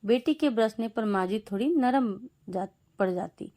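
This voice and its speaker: A woman storyteller reading scripted narration in a steady, expressive way. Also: on the high side, measured pace.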